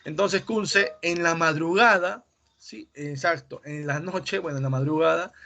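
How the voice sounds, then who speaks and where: A man's voice: on the high side, measured pace, gravelly, pushed and bright. A man with a Peruvian accent, a literature teacher retelling a story to his online class and voicing its characters' lines as he goes. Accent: Peruvian Spanish. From Peru. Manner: acts out characters' lines, checks in with students.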